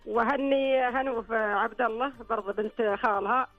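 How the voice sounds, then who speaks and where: A woman's voice: fairly high pitch, normal speed, no room sound, soft background music. An older grandmother calling in to a live radio show over a lo-fi phone line, chatty with small restarts. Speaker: caller. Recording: dull, dry phone line.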